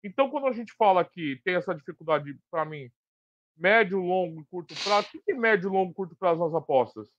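High-pitched Brazilian man with a slight lisp. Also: lively intonation, a little fast, lo-fi sound. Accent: Brazilian Portuguese. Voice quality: slight tongue-tied lisp. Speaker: host of a live sports betting talk stream. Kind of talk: unscripted live commentary and discussion.

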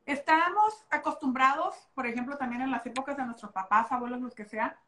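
A woman with a Mexican accent, co-hosting a casual chat about motherhood and telling stories in an animated, slangy way. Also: sits high, brisk. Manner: animated storytelling, slangy, expressive. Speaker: podcast co-host.

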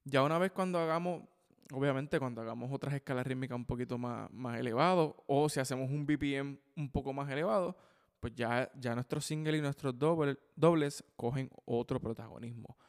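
Drum teacher a resonant voice. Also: male voice, medium pitch, fairly quick. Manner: explains with frequent "ok?" and "¿verdad?" checks, counts sticking aloud. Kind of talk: instructional video lesson. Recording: long hall reverb.

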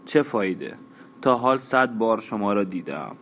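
Man reading a withdrawn, curt stranger, low voice, audiobook. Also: expressive, a little hiss or hum, close to an everyday voice. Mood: weary. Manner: curt, detached. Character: weary, withdrawn man who never eats.

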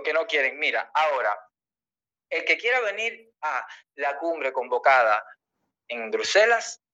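A man with a bright, forward voice talks insistently, defending himself and repeating his points whenever someone cuts in. The sound comes through a dull, lo-fi stream, and his pitch sits in the middle. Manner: insistent, self-justifying, repeats himself when interrupted. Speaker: summit organizer speaking on a call-in talk stream. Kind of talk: heated live discussion. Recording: lo-fi stream audio.

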